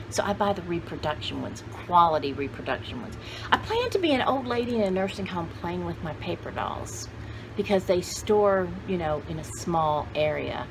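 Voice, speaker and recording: A low-pitched, gravelly voice belongs to a woman in her sixties who shows vintage finds to the camera in a cluttered room full of shelves. Casual and rambling, she speaks in a folksy, exclamatory way, often to herself and her viewers, with background noise behind her.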